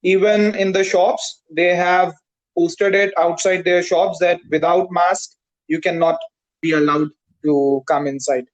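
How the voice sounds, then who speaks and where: A man from Pakistan practicing English over a video call, speaking carefully with many "uh" pauses. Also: high voice, steady tone, low-quality recording. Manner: careful, hesitant, frequent "uh" pauses. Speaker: English learner. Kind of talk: conversation practice.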